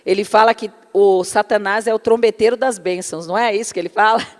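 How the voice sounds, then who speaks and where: A woman's voice: medium pitch, fairly even intonation, fast talker, big-room sound. A woman preaching a sermon with personal testimony, fervent and calling her listeners brothers and beloved.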